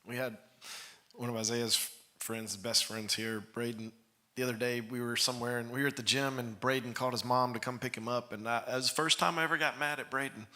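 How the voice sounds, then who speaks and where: Bright-voiced man speaking haltingly. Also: mid-range voice, steady tone. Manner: halting, searching for words. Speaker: son speaking at a memorial. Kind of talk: eulogy remarks.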